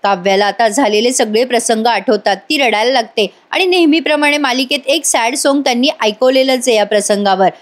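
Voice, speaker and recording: A woman's voice: fairly high pitch, fairly quick, hardly any pauses. A woman narrating a voice-over recap of a TV serial, chatting directly to viewers and adding scolding asides. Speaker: TV serial reviewer.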